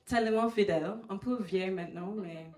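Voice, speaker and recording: A woman from Trinidad and Tobago with a Trinidadian accent, performing stand-up comedy in a halting way with many fillers. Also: mid-range voice, a little mellow. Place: comedy venue. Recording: roomy live venue sound.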